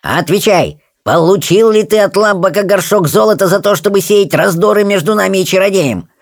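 A man voicing a grumpy male kobold craftsman who speaks in a gruff, commanding way. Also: high voice, brisk, dry recording, studio quality, voice pushed up. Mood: stern.

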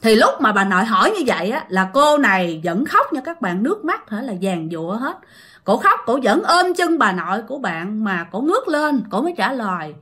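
Chatty Southern Vietnamese woman narrating a ghost story, bright, forward voice. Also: fairly high pitch, big pitch swings, normal speed, breathy edge. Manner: chatty, addresses listeners directly.

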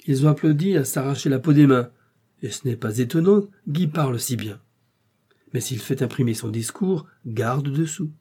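A man's voice: mid-range voice, lively intonation, normal speed, mellow, breathy edge. A man voicing a chatty, wryly amused male family friend in a storybook reading.

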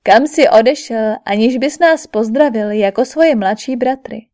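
A woman's voice: on the high side, a little mellow, natural voice. A woman reading an anguished young prince. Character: anguished eldest prince, a grieving son. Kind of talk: audiobook character reading.

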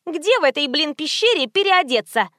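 A woman's voice: sits high, big pitch swings, moderate pace, fairly bright tone, dry recording, studio quality, voice pushed up. A woman voicing a capricious young actress who whines and demands attention, in an audiobook reading. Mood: whiny. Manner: whining, demanding.

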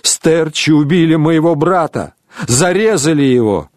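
A man's voice: a little high, animated, a little slow, a little mellow, dry recording, clean studio sound. A man voicing a desperate young man who pleads his innocence urgently in an audiobook. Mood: pleading.

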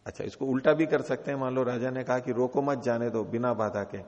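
A man's voice: mid-range voice, fast, a little mellow. A man teaching scripture, explaining patiently with repeated rephrasing and worked examples. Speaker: teacher of philosophy. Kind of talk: scripture lecture. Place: teaching hall of a religious retreat. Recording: dull, echoey hall recording.

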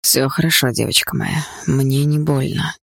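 A woman voicing a beaten young man who speaks softly and reassuringly while staying quietly defiant. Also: very deep voice, lively intonation, normal speed, creaky, husky, no echo, studio quality, full character voice.

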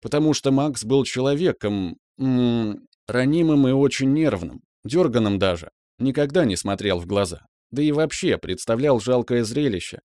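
A man's voice: mid-range voice, expressive, normal speed, hardly any pauses, warm tone, dry recording, studio quality, natural voice. A man voicing a cheeky, conspiratorial teenage girl in an audiobook, teasing her brother.

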